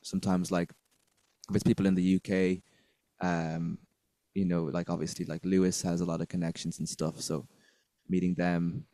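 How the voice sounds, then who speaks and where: Low-voiced man with west of Ireland accent. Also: level tone, mellow, dry recording, low-quality recording. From Galway, west of Ireland. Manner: rambling, halting. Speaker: band member being interviewed. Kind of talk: casual interview chat.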